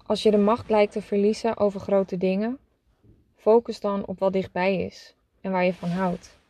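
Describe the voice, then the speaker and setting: Gentle woman reading a storybook. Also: medium pitch, flat delivery, moderate pace. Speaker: storybook reader. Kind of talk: calm scripted narration.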